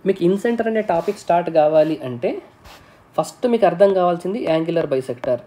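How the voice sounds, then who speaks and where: Fast-talking male exam-prep teacher. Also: on the high side, expressive, warm tone. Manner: explains step by step, often checking in with the viewer; mixes English technical terms into his speech. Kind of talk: exam-prep lesson at a whiteboard.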